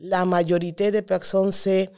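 A woman's voice: mid-range voice, level tone, moderate pace, mellow, clear, resonant tone. A woman who is a native Spanish speaker, talking conversationally in French with a foreign Latin American accent, often searching for words. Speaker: interview guest, immigrant. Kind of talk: casual conversational interview.

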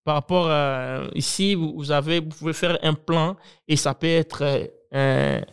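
A man's voice: on the high side, fairly even intonation, measured pace, clean tone. A man from Africa, talking casually and a little hesitantly, often echoing words in agreement. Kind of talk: casual conversational interview.

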